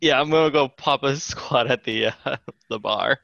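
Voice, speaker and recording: A man's voice: medium pitch, moderate pace, creaky, pushed and bright, lo-fi sound. A man chatting casually and improvising as a player in a tabletop game. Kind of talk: casual chat, improvised role-play.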